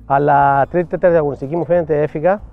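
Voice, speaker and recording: An older man and football coach telling animated anecdotes in an interview, acting out the dialogue he quotes. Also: a little high, gravelly. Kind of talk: storytelling interview. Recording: dull lo-fi sound with faint music.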